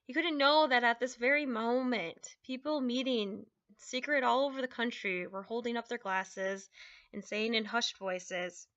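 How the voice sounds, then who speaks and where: A woman reads a children's novel aloud in a steady storytelling voice, slipping now and then. Her tone is bright and crisp. The webcam audio is dull and lo-fi. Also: a little high, moderate pace. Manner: steady read-aloud with occasional slips. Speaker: reader.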